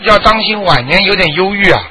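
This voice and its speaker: A man hosting a radio call-in show, giving brisk, firm and reassuring answers to callers. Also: high-pitched, pushed and bright. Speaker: radio advice host.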